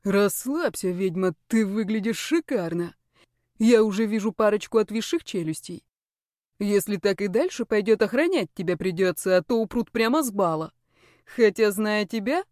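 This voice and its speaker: A woman's voice: mid-range voice, animated, moderate pace, a little mellow, no room sound, lightly acted. A young, easygoing snake shapeshifter, read by a woman narrator who jokes lightly and teases. The voice stays close and dry, near the reader's own tone. A playful audiobook figure. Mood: reassuring. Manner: joking, casual.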